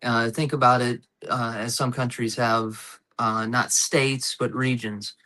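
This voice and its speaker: A man in his thirties hosts a casual talk show, his voice bright and forceful. He talks eagerly, drifting into nerdy history tangents full of ums and uhs. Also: medium pitch, level tone, a little slow. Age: 30s. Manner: eager, nerdy history digressions with many fillers. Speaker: host.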